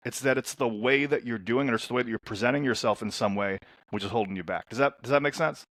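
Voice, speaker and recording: A guest on a casual interview podcast, this men's transformation coach is Lebanese and grew up in the States. He moves at a quick pace, telling cheerful stories and repeating words as sentences begin, his mid-range voice a bit bright in a studio-quality recording free of room sound.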